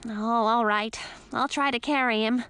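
A woman voicing a fretful, squeaky female bat in an audiobook, high and complaining. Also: fairly even intonation, unhurried, a bit bright, clean tone, no room sound. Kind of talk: audiobook character voice.

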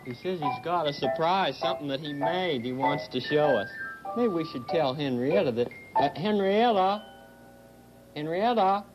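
A man voicing a friendly, folksy young owl puppet in a gentle, encouraging way on a children's show. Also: a little high, moderate pace, muffled recording, over music, lightly acted. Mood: helpful.

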